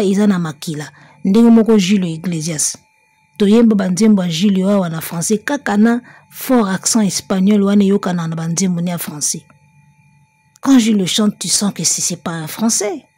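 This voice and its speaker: Woman, mellow, husky, dry close sound, casual emphatic commentary. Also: medium pitch, dry recording. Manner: mixes French and Lingala, chatty and emphatic, breaks into song. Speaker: music commentator.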